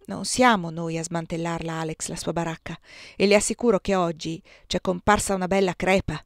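A woman's voice: fairly low pitch, fairly even intonation, brisk, no echo, clean studio sound, close to an everyday voice. A woman reading aloud, voicing an earnest young man who speaks emphatically.

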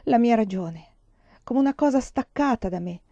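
Expressive woman reading a dark novel. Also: a little high, moderate pace, no echo. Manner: expressive, rising to near-sobbing at tense moments. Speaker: reader of a novel. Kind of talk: dramatic audiobook narration. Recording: dull dry recording.

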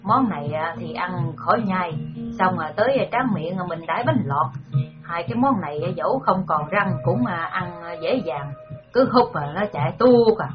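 A woman's voice: fairly low pitch, expressive, normal speed, lightly acted. A woman voicing a jovial older village man with a good-humored, advising manner. Muffled sound with music behind. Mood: joking.

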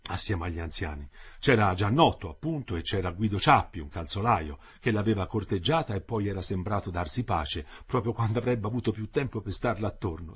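A man reading a literary novel aloud with an expressive, varied delivery. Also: lowish voice, breathy edge. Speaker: reader.

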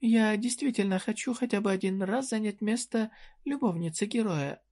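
A woman's voice: medium pitch, normal speed, darkish tone, pitched above the performer's own voice, close to an everyday voice. Casting: narrator doing a shrewd fantasy merchant woman, raised voice, teasing and flirty, businesslike. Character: sly cheerful female dungeon merchant, shrewd. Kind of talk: audiobook character reading.

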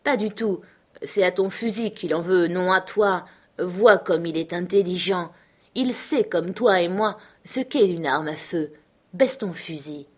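A woman reading the lines of an earnest, gentle man who pleads for his wild dog in an audiobook. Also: lowish voice, measured pace. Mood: persuasive.

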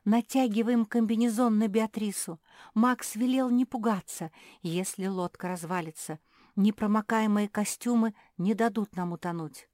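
A woman voicing an anxious young girl animal who talks in a hurried, frightened way in a storybook. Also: mid-range voice, a little mellow, no room sound, clean studio sound, voice pushed up, lightly acted.

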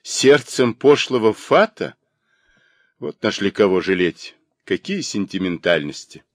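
A mocking young lady of the gentry, as a man reading a novel aloud puts her on. She talks fast and sharp, her pitch lifted a little above the reader's low voice and moving in lively swings. The sound is close and dry. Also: no room sound.

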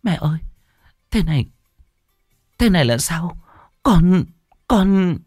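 A man's voice: a little high, animated, takes it slowly, mellow, no room sound, clean studio sound, soft background music, pitched above the performer's own voice. A man voicing a frightened teenage village girl who stammers and sobs as she speaks. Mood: stammering tearful. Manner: stammering, sobbing.

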